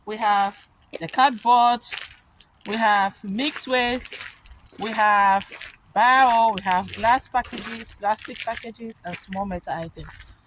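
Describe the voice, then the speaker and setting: An enthusiastic young woman vlogs casually about her life abroad. She talks at an unhurried, leisurely pace with a mid-range voice. Faint noise sits under the recording. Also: mid-range voice, a bit bright, rough recording. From immigrant living in Finland. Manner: upbeat, enthusiastic, laughs often. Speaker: vlogger. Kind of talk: casual vlog with a repeated catchphrase.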